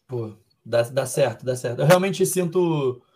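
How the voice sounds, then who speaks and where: A young Brazilian man, a fighter being interviewed, who answers in a calm, reflective and philosophical way. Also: mid-range voice, unhurried. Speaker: MMA fighter guest.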